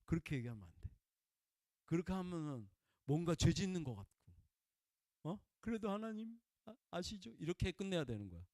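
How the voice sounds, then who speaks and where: A man preaching a conversational sermon in a folksy way, prompting listeners with "eh?" and swinging between loud emphatic bursts and quiet murmurs. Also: on the high side, big pitch swings, brisk, long pauses, no room sound, studio quality. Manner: folksy, peppers talk with prompting "eh?" to the congregation.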